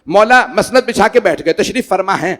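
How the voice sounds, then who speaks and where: A cleric with a Pakistani Urdu accent delivers a mourning sermon to a gathered congregation in a large hall. His voice sits high for a man, and he stretches his words into a slow lament that climbs into pleading cries. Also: animated, fairly bright tone. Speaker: Shia cleric reciting a majlis. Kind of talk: Muharram majlis sermon with mournful recitation.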